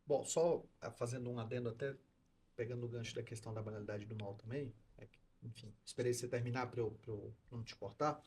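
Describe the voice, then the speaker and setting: A man's voice: mid-range voice, fairly even intonation, quick pace, a little mellow, slight background noise. A man co-hosting a podcast discussion, explaining political philosophy in a lecturing tone as a teacher. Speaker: co-host, law and philosophy teacher.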